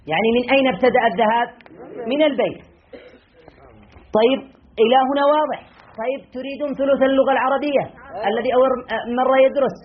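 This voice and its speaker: A man teaching a classroom grammar lesson as a sheikh, questioning his students and repeating key phrases slowly. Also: very high voice. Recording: tinny lo-fi lesson recording.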